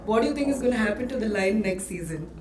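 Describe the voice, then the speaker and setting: A woman's voice: medium pitch, expressive, fast. A woman interviewer asking questions hesitantly, with many ums and uhs. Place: festival lounge, indoors. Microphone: handheld mic. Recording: echoey room with crowd chatter. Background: crowd murmur.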